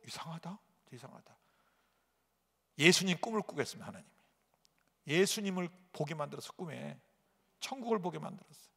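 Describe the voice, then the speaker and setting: A male pastor preaching a sermon, telling a personal story dramatically with sudden loud outbursts and repetition. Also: a little high, animated, fast talker, creaky, long pauses, husky. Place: large church sanctuary. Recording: echoey church hall.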